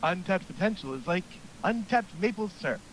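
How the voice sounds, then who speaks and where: A beefy, cheerfully clueless monster coach, put on by a man who booms every line with upward energy. The voice sits higher than usual and swings in pitch. A light noise floor hangs under it. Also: expressive, moderate pace, rough recording. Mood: eager. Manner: booming, cheerfully oblivious. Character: gung-ho male monster gym coach.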